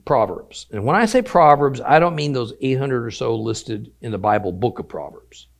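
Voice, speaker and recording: Man reading scripture for a lesson, gravelly voice, slows right down on the big lines. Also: mid-range voice, lively intonation. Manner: stresses key phrases by slowing down. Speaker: Bible teacher.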